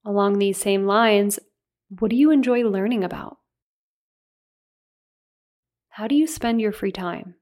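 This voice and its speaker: A woman with a mid-range voice guides a meditation, speaking soothingly and without hurry. She leaves gentle pauses between her phrases.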